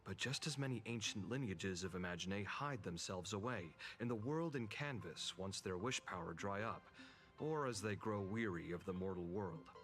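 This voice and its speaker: A composed male guide in a video game, his voice sitting low as he lays out old lore in a measured, patient way. Faint background music runs beneath the game dialogue. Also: lively intonation, a bit bright. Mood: solemn. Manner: measured, explanatory storytelling. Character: calm male guide of an artists' retreat. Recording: game audio with music underneath.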